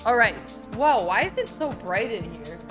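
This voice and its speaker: A woman's voice: a little high, very animated, normal speed, fairly bright tone, faint music behind. A woman streaming live from a home room, thinking aloud about a chess game and questioning her own moves.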